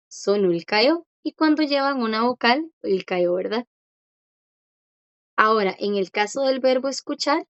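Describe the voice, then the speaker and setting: Her voice leans high as she patiently explains grammar in an online language lesson, going over key points again and checking that students are keeping up. The recording sounds dull and has no room sound.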